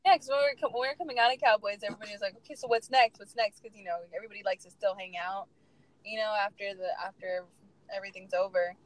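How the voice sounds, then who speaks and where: Chatty woman co-host, animated. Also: medium pitch, very fast, rough recording. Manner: animated storyteller, says "like" a lot. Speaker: podcast co-host. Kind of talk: casual chat.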